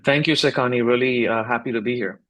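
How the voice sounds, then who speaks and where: A man in his fifties, from India, talks through his answers as a podcast guest. His delivery is reflective and measured, full of small pauses and restarts, at an ordinary middle pitch. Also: fairly bright tone. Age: 50s. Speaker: guest, startup founder. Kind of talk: casual podcast interview.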